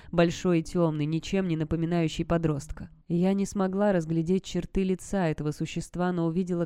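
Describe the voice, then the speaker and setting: A woman's voice: fairly low pitch, warm tone, clean tone, no echo, clean studio sound. A woman narrating a first-person audiobook in a tense, suspenseful storytelling manner.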